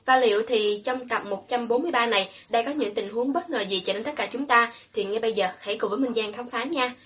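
A woman's voice: a little high, fast talker, a bit bright, slightly rough. Woman narrating a serialized story. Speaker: audiobook narrator, channel host.

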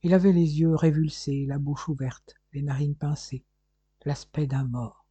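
A man reading an audiobook aloud in a steady, measured narration. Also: a little high, slightly rough, no room sound. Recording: dull lo-fi recording.

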